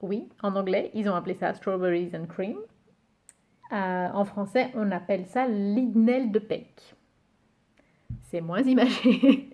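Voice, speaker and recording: A woman presenting a card game in a casual video, cheerful and amused, pausing often with fillers and reading titles slowly. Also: mid-range voice, dark tone. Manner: hesitant, many fillers, muses aloud over names; reads English card titles slowly and carefully. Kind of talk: casual show-and-tell presentation.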